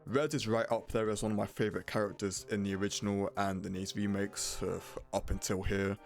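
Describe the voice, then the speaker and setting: Low-voiced male game reviewer over music. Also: steady tone, a little fast. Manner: blunt, casually sweary. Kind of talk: scripted review narration. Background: prominent music.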